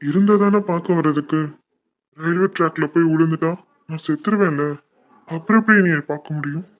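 A woman voicing a desperate young man in love in a cartoon, pleading and pressuring in a lowered voice. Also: brisk, lo-fi sound, slight background noise, natural voice. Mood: grim.

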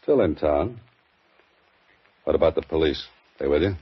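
A deep-voiced, wisecracking writer. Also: male voice, lively intonation, normal speed, husky, full character voice. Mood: wry. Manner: dry, wisecracking. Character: wry male mystery writer on the run. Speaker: lead actor and narrator. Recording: dull old radio recording with music.

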